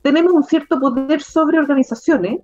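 A middle-aged Chilean woman from the south of the country, a university rector, talking in an interview with an animated, emphatic manner and frequent fillers. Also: high voice, moderate pace, muffled recording, soft background music. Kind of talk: conversational interview.

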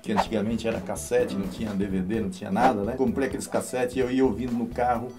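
A Brazilian man in his fifties, a father, telling a story in a lively, casual chat and often tagging his sentences with a quick question. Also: on the low side, over loud music. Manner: lively storyteller, frequent "né?", laughs as he tells.

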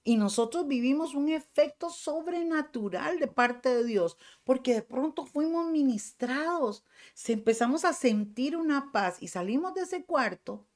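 A woman's voice: high-pitched, lively intonation, measured pace, darkish tone. A middle-aged woman pastor with a Costa Rican accent, preaching a fervent sermon to her congregation. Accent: Costa Rican Spanish. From Costa Rica.

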